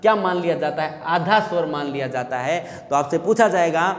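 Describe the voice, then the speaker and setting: A man teaches a Hindi grammar lesson for exam prep, posing questions and then answering them himself. His voice is on the high side and his pace moderate, recorded in an echoey room with long reverb.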